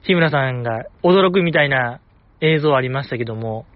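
A man's voice: mid-range voice, lively intonation, normal speed, no echo. A man hosting a casual solo talk show, rambling with chuckles and mock-formal asides. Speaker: podcast host. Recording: slightly dull, dry recording.

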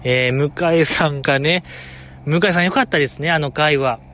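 A man's voice: fairly high pitch, normal speed, a bit bright, lo-fi sound, a little hiss or hum. A man with a Kansai accent, talking alone as a fan commentator in a playful, joking, exaggerated way. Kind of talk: casual solo talk.

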